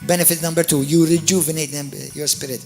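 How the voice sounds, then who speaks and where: Soft background music plays as a man from Malta preaches fast in a slightly high voice. As pastor, he animatedly tells stories, repeats and restarts words, and speaks directly to those gathered.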